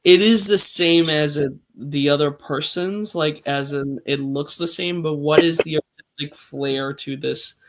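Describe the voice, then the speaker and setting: A man acting as game master for a tabletop game, hesitant and filler-heavy. He speaks slowly with a slightly raised pitch. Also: fairly even intonation.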